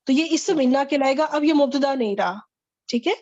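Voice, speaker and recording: A woman's voice: high-pitched, a little mellow, lo-fi sound. A woman teaching an online Arabic grammar lesson, quizzing a student and explaining patiently.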